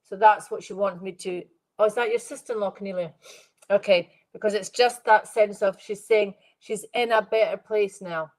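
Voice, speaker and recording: A middle-aged woman acting as a medium gives a spirit reading on a live stream, speaking gently and ramblingly, repeating phrases and calling viewers by name. Her nose sounds congested and stuffed up, her mid-range voice is fairly even at a moderate pace, and the audio is poor.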